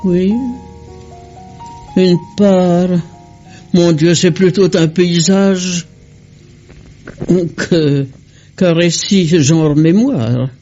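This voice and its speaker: An older woman answering interview questions slowly and with halting restarts, heard from an old worn tape archive. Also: fairly low pitch, dark tone. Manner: slow, hesitant, halting restarts. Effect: old worn tape archive recording. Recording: dull lo-fi old tape with faint music.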